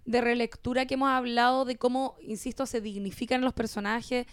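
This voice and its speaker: A woman's voice: on the high side, little pitch movement, brisk, smooth, no room sound, studio quality. A Chilean woman co-hosting a podcast, giving chatty, slangy opinions. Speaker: podcast co-host. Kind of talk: casual chat.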